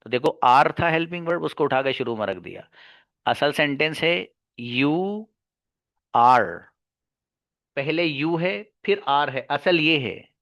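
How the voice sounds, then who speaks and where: Brisk, bright-voiced grammar teacher. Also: male voice, fairly high pitch, animated, no room sound, studio quality. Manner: repeats key words slowly and drills them, asks and answers his own questions; playful mock-serious asides. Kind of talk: classroom lecture.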